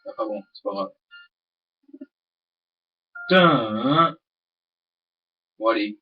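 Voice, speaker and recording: Over game music on a dull lo-fi mic, a young man hosts a let's play, rambling slowly with plenty of hesitations and curses at the game. His voice is lowish and breathy, with lively intonation.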